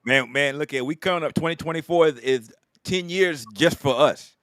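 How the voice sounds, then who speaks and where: A man's voice: fairly high pitch, normal speed, fairly bright tone, no echo, clean studio sound. A man hosting a casual chat in an easygoing way, often affirming his guests. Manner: easygoing, affirming with frequent yeahs. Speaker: host.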